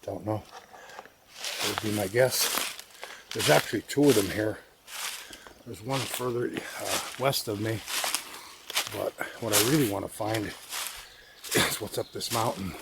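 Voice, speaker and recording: A man's voice: on the low side, unhurried, gravelly, pauses often. A man vlogging while he hikes through the woods exploring old mine sites, thinking aloud and guessing at what he finds. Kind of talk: vlog narration while hiking. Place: outdoors in the woods on a mountainside. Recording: loud outdoor background noise.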